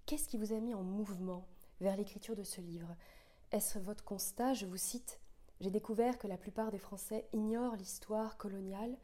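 A woman's voice: mid-range voice, fairly even intonation, normal speed, warm tone. A woman interviewer asking formal, prepared questions and reading out a quote.

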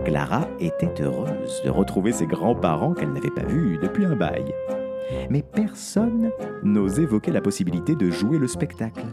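A man reading a story aloud to a child, playful and expressive. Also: on the low side.

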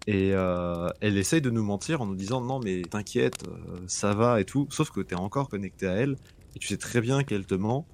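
A bilingual French and English speaker co-hosts a casual gaming podcast, talking effusively and gushing with laughter. His voice is lowish and darkish in tone, with a brisk delivery.

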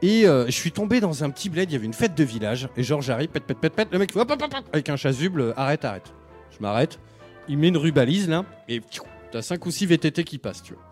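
Lively male storyteller, slangy and chatty, faint music bed. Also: on the high side, fast talker. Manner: animated, slangy, acts out people he met. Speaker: podcast host telling a road trip. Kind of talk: casual storytelling chat.

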